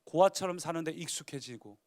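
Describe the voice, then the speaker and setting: Man, pastor, Sunday sermon, high voice, dramatic storytelling, emphatic build-ups. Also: brisk, a little mellow. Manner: dramatic retelling, acting out scripture voices; rising to emphatic declarations.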